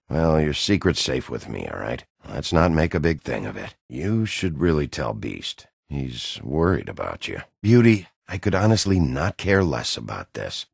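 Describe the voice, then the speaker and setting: Bigby Wolf, very deep gravelly detective. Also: male voice, no room sound, heavily acted. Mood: gruff, probing. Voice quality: gravelly, husky. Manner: blunt, dry, brooding interrogator. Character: gruff, weary, hard-boiled Big Bad Wolf detective. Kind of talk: video game voice acting.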